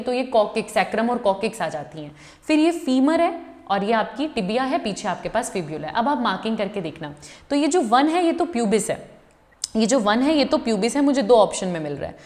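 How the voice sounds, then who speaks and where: A woman teacher runs through exam questions one by one, her voice sitting somewhat high. She explains each step patiently, repeats answers for emphasis and speaks to students as her children. The recording trails off into a long hall reverb. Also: a little mellow. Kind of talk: exam-prep lecture.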